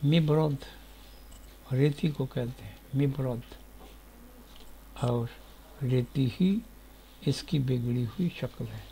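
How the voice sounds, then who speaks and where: A man teaching word origins in a slow, deliberate lecture, spelling out letters one by one, recorded in a sitting room at home. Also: mid-range voice, vocal fry, dark tone, slight background noise, low-quality recording. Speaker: etymology teacher.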